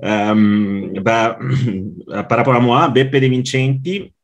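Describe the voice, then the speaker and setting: A man's voice: medium pitch, steady tone, slow pace. A man in his forties from Italy, speaking French with an Italian accent as an interview guest, hesitant with many filler sounds and restarts. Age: 40s. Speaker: guest, customer experience consultant. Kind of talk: casual interview chat.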